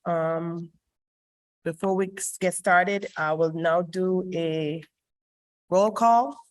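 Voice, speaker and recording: Chairing a city hearing on an online group voice call, a woman reads formally into the record, often saying um and restarting small bits. Her lowish voice stays steady and she takes her time.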